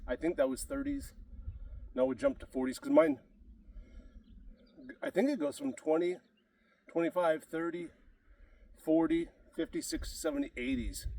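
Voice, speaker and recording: A man's voice: fairly high pitch, darkish tone, recorded from a distance, a little hiss or hum. A middle-aged man talking casually to camera between gym sets, rambling and out of breath. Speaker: fitness vlogger. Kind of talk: casual talk to camera while working out. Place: remote gym off the grid.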